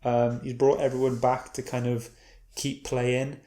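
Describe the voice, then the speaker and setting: In an echoey room, a man with a mellow, mid-range voice and flat delivery speaks at a measured pace. He's casually reading and reviewing a comic book, retelling the story in a meandering way and often correcting himself mid-sentence.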